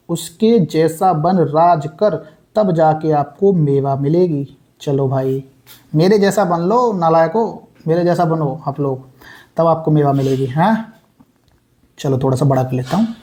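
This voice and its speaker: A young man runs a casual exam-prep lesson built on memory tricks. He talks in a chatty, repetitive way and keeps calling his viewers brother. His voice sits a little high with a mellow tone. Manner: chatty, repeats words, addresses viewers as brother. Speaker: exam coaching teacher.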